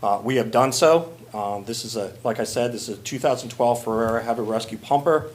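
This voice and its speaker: A man, a fire chief, presenting a request to a city council in a plain, halting way with many fillers. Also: medium pitch.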